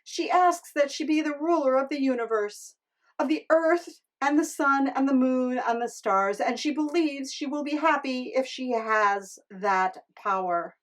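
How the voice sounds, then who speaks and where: A woman voicing a meek, kindly fisherman, a reluctant husband in a storybook tale, speaking in a gentle, hesitant, pleading way. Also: high-pitched, a little slow. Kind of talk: storybook character acting.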